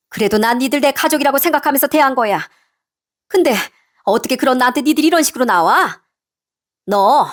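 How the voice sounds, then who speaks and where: A woman voicing a pushy, scolding mother-in-law in her sixties in a storybook tale, shrill and indignant. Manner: shrill, indignant, guilt-tripping. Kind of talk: storybook narration with acted voices.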